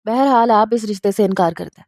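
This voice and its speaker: Brief: indignant young man, complaining, mellow voice, as a woman narrator voices him. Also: medium pitch, no room sound, clean studio sound, lightly acted. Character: exasperated young man, reluctant groom.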